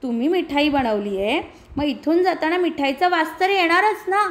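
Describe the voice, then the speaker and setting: A woman's voice: sits high, moderate pace, lightly acted. A woman voicing a clever young village girl in a read-aloud storybook lesson, speaking in an indignant schoolgirl tone.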